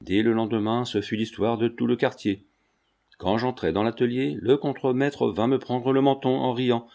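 Man calmly reading a novel. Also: mid-range voice, moderate pace, gravelly. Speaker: audiobook reader. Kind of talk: scripted narration.

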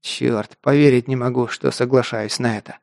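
A man's voice: mid-range voice, steady tone, moderate pace, creaky, darkish tone, no echo, clean studio sound, natural voice. A man voicing a wary ragged stranger with street slang. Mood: nervous. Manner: laconic, uses street slang.

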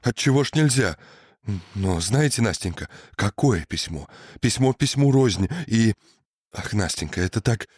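A man plays a shy, earnest young dreamer who pleads and reassures with growing eagerness. His voice sits fairly low, and the sound is close and dry. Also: a little slow, breathy edge, no room sound. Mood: eager, pleading. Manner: eager, pleading, rising in excitement. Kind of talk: literary radio reading.

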